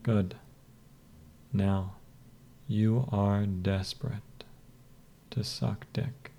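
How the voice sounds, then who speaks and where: A man voicing a cruel, scheming male hypnotist who speaks slowly and softly in a commanding way. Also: on the low side, flat delivery, gravelly, slight background noise, full character voice. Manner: slow, soft, commanding.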